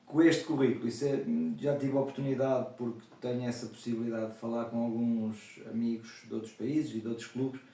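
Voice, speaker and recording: A man with a European Portuguese accent talks earnestly in a casual video message, circling back and repeating himself as he goes. His voice is mellow and sits mid-range. He sounds a little away from the mic, in a strongly echoing room. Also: mid-range voice, steady tone, brisk, few pauses, distant mic. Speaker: football club supporter.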